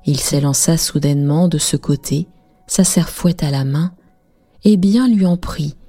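A woman narrating a bedtime fairy tale in a calm, measured reading. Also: deep voice, slightly rough, faint music behind. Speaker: storyteller.

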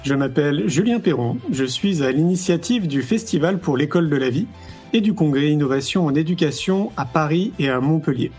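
A man hosting a podcast, reading a measured, scripted introduction over soft music. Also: a little high, animated, breathy edge. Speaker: podcast host.

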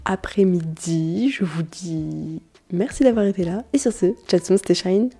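A woman's voice: on the low side, normal speed, vocal fry, warm tone, breathy edge, soft background music. A young woman hosting her own podcast, chatting casually and correcting herself often as she rambles. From France. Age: about 19. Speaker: podcast host. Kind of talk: casual solo podcast chat.

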